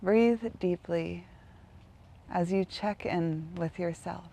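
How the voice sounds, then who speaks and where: A woman guides a meditation gently and without hurry, leaving long pauses between phrases. Her voice sits on the low side, with some vocal fry.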